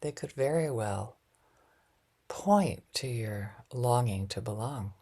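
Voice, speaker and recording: A woman teaching a loving-kindness meditation in a soft, often half-whispered, gentle and reflective way, with light laughs at herself. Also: extremely low pitch, expressive, slow, slightly rough.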